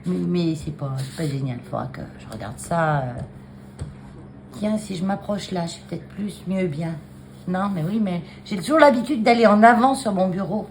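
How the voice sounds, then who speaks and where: A woman with a somewhat low voice talks casually into a phone propped on a stand at her desk. She hesitates, restarts and fills pauses as she goes. A faint hiss sits under the room. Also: darkish tone. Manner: chatty, hesitant, many fillers and restarts. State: clearing a frog in her throat. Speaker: craft vlogger showing cards. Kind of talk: casual chat to camera. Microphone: phone camera on a taped stand.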